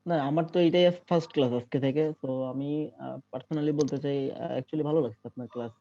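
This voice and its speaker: A man's voice: medium pitch, fairly even intonation, normal speed, gravelly, mellow. A man with a Bangladeshi accent, a student in an online English class, repeating words after the tutor. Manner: echoes the tutor's words back. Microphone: video call. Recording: muffled call with crowd noise.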